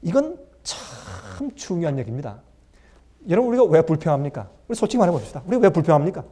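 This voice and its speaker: Animated male pastor preaching. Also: on the high side, quick pace. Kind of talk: sermon.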